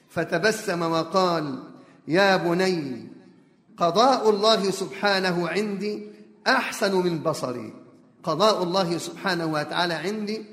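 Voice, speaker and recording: High-voiced male preacher in an echoey hall. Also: a bit bright. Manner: explains each phrase, chants Quran verses. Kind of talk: sermon storytelling.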